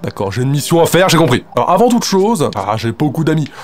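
A man commenting on his own gameplay in a loose, sarcastic way, swearing often and jumping from low mutters to loud protests. His voice sits a little high for a man. Game music plays clearly behind him. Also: sing-song, fast talker. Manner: profane, sarcastic, swings between mutters and outbursts. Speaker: let's play host.

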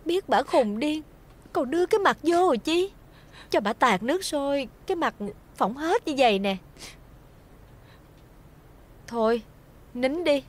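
A blunt, kindly senior servant, middle-aged, Southern Vietnamese accent. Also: female voice, high-pitched, animated, normal speed. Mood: gruff, soothing. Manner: blunt, scolding yet soothing. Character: older woman servant, gruff but kindly, scolding. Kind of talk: TV folk-tale drama acting.

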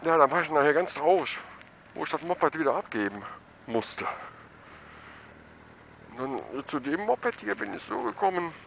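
A middle-aged man giving casual, excited running commentary while riding a motorcycle through town. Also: on the high side, moderate pace, gravelly, pauses often, muffled recording, a little hiss or hum. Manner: chatty and excited, thinking aloud. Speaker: motovlogger. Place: outdoors on a motorcycle in town traffic.

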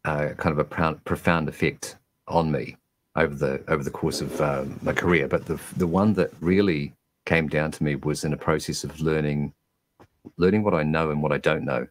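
A man, a guest on a video call, telling a reflective story in a measured way with frequent restarts. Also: a bass voice, steady tone, slight background noise. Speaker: guest, virtual MC.

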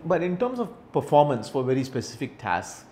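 A man's voice: on the high side, big pitch swings, fairly quick, a little mellow. A male interview host asking curious, probing questions and affirming answers. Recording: roomy, with faint noise.

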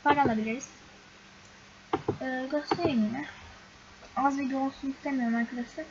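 High-voiced chatty young woman gaming vlogger. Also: fairly even intonation, fairly quick. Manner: chatty, exasperated, often addresses viewers as friends. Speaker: gaming YouTuber. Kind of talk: casual game screen-recording commentary. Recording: dull lo-fi recording with loud background noise.

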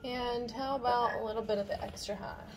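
A woman's voice: a little high, steady tone, fairly quick. A woman in her thirties chatting casually during a food challenge, recorded on a phone in a home kitchen. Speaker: parent joining a hot sauce challenge. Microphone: phone propped on the counter. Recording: very noisy home video, clicks.

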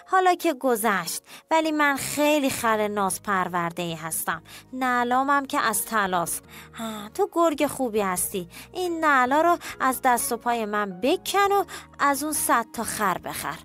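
A woman's voice: a little high, big pitch swings, a bit bright, soft background music. A woman voicing a clever, boastful male donkey in a children's cartoon story, coaxing and scheming.

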